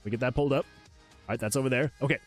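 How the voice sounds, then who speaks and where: A man's voice: medium pitch, steady tone, fast talker. Man talking on a game dev livestream, rambling, self-deprecating, desk mic, faint music behind. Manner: rambling, restarts often while fiddling with software; chatty and self-deprecating, laughs often. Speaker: solo game developer and streamer. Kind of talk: casual livestream chat. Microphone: USB desk microphone.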